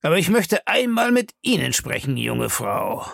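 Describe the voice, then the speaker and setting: Ein Mann spricht einen grimmigen, bedrohlichen älteren Mann in einer Hörbuchlesung, langsam und brummig. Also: male voice, fairly high pitch, very animated, vocal fry, fairly bright tone, no echo, clean studio sound, pitched above the performer's own voice, full character voice. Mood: gruff. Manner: slow, grumbling. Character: Abel Bellamy, a gruff, menacing older man.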